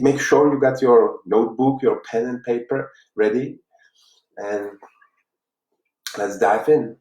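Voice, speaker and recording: A man from the Czech Republic with a Czech accent, a life coach giving an earnest, halting motivational talk on a live stream. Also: fairly low pitch, a little mellow. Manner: earnest, halting, with frequent restarts. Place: room in Los Angeles. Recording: roomy, distant mic.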